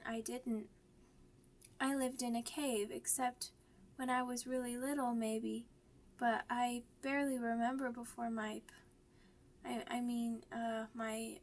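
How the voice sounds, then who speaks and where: In an ASMR audio roleplay, a woman plays a shy, grieving, vulnerable young werewolf pup, her slightly high speech halting, stammering and childlike. She sounds tired and reluctant.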